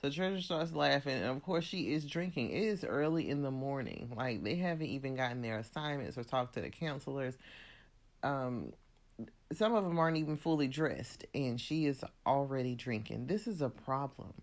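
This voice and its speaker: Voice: medium pitch, moderate pace. A chatty recap host retelling a reality TV episode in a casual, opinionated way, full of "like" and "you know". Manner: loose, conversational with frequent "like" and "you know".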